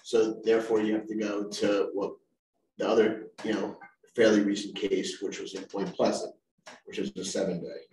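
Council member, 40s man, measured and methodical, desk mic heard from a distance. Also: lowish voice, level tone, darkish tone, slight background noise. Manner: measured, argues legal points. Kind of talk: council meeting discussion. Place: council chamber. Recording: roomy echo, mic set back.

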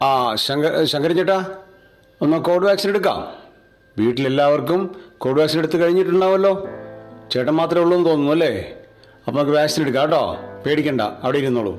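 A man playing a hospital doctor in an amateur skit, giving brisk, coaxing instructions. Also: fairly high pitch, darkish tone, soft background music, close to an everyday voice. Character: calm male hospital doctor.

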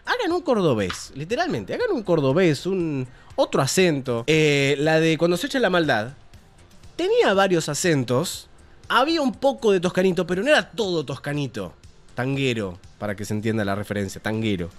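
A man's voice: a little high, huge pitch swings, a little fast, soft background music. A man with an Argentine Spanish accent hosting a casual news commentary show, opinionated and profane. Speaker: show host.

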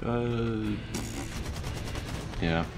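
A man's voice: fairly low pitch, drawn-out words, faint music behind. Wry young man commenting on gameplay. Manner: dry, wry, laughs often. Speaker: gaming YouTuber.

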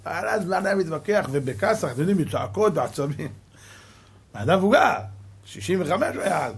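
A middle-aged man, giving a Torah lesson as a rabbi and telling stories dramatically, swinging from loud exclamations to quiet asides. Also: high-pitched, expressive, slightly rough. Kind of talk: animated Torah lesson with storytelling.

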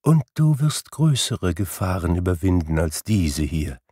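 A man voicing a gentle Christmas spirit with a soft, quiet, melodious voice. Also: deep voice, sing-song, unhurried, slightly rough, no echo, clean studio sound, exaggerated voice. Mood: solemn. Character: gentle ghost of Christmas past.

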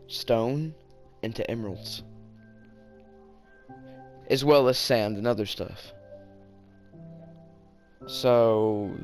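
A tired young gaming YouTuber from the southern United States rambles and jokes through casual gameplay commentary. He has a Southern US accent and a mid-range, slightly mellow voice.

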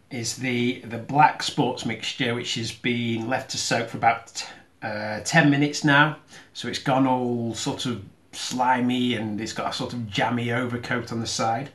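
Man, casual food tasting host, mid-pitched voice, chews while talking, hesitant. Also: a bit bright. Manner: talks while eating, with mouth full; hesitant, restarts and fillers while chewing. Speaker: video host.

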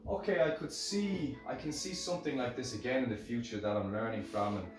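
A man's voice: medium pitch, brisk. Irish guy doing a rambly pep talk, repeats himself, far from the mic in a really echoey room. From Ireland. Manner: rambling, repeats phrases for emphasis. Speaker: musical instrument maker sharing lessons learnt. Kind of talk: casual motivational talk to camera. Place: hard-surfaced workshop room, indoors. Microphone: camera a few metres away. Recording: very echoey room, distant microphone, music.

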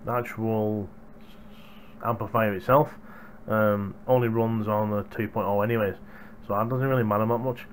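A man's voice: on the low side, steady tone, normal speed, a little hiss or hum. A young man chatting casually to viewers as a hardware reviewer, recorded on a gaming headset microphone. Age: young adult. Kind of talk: casual vlog chat to viewers. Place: small room at home, indoors. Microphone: headset boom microphone.

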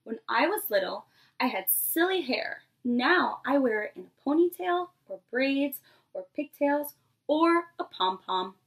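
Reading expressively to young children and speaking to them directly, a preschool teacher in her twenties uses a high voice with big pitch swings at a measured pace. The animated read-aloud takes place indoors in a small bedroom.

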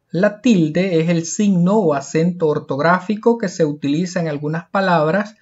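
A male teacher with a fairly high voice explains a lesson, posing questions and answering them himself, and slows down to spell out example words one by one. The recording is dull and lo-fi.

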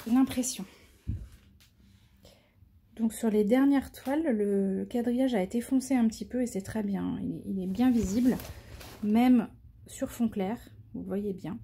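A woman's voice: mid-range voice, mellow, a little hiss or hum. A woman vlogger chatting casually through an unboxing, gushing with enthusiasm over what she shows. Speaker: crafting vlogger.

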